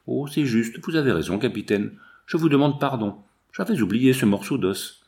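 A man voicing a rough male frontier hunter who talks in a sulky, blunt way. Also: mid-range voice, lively intonation, moderate pace, darkish tone, natural voice. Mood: grumbling.

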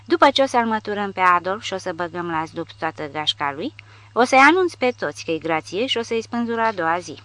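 A woman's voice: mid-range voice, lively intonation, a bit bright, no room sound, lightly acted. A woman reading the lines of a hardened male former legionnaire with a dry, blunt manner. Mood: defiant.

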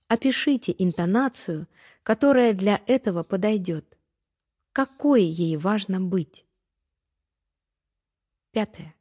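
A woman coach reading her own self-help text aloud, gentle and unhurried as she guides listeners through practice steps. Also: medium pitch. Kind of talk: calm scripted narration with exercises.

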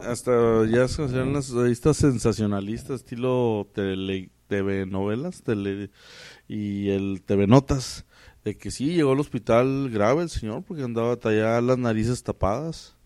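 A man from Sinaloa with a northern Mexican accent, co-hosting a podcast in slangy, animated casual chat. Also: mid-range voice, unhurried, smooth, dry recording. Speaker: podcast co-host.

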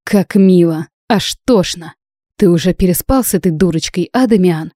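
A woman's voice: lowish voice, moderate pace, warm tone, no echo, clean studio sound, close to an everyday voice. Woman reading as a mocking ice witch. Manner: mocking, hoarse laugh. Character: spiteful wounded female ice witch.

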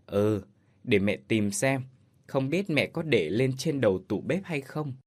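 A man's voice: mid-range voice, lively intonation, unhurried. Storybook part: a man playing a young mother, plain and motherly. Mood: calm. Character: young mother, busy and then terrified.

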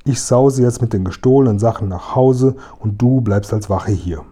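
A man's voice: mid-range voice, moderate pace, slightly rough, natural voice. A man voicing a bold young boy who protests and calls out, in a storybook reading. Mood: eager. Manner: excited, indignant. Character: bold, cheeky young boy hero, indignant.

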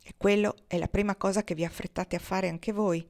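A woman reading the lines of an eager, chatty male gold prospector in a storybook reading, with a lively storytelling tone. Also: mid-range voice, fairly quick, natural voice.

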